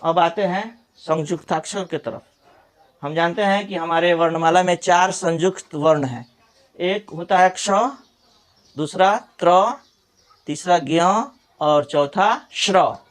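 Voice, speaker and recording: A middle-aged man with a Bihari Hindi accent teaching pronunciation, saying example words slowly one at a time. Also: sits high. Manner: slow, deliberate, repeats example words one by one. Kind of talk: pronunciation lesson.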